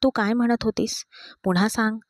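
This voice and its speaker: A woman's voice: fairly high pitch, fairly even intonation, fairly quick, dry recording, voice pushed up, natural voice. Woman reading as a stern young police officer.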